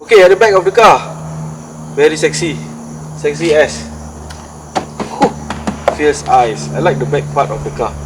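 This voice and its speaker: A man's voice: a little high, expressive, normal speed, long pauses. A man with a Singaporean accent talking casual Singlish with lah and ah particles, like a host of an amateur car review. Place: outdoors at night. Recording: noisy outdoor sound, distant mic, insects and traffic.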